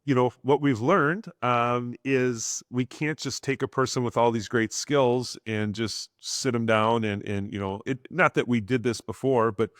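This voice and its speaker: A man's voice: medium pitch, fairly even intonation, a little slow, few pauses, a bit bright, no room sound, clean studio sound. A man co-hosting an insurance agency podcast, talking casually with lots of fillers and restarts. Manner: rambling, many fillers and restarts.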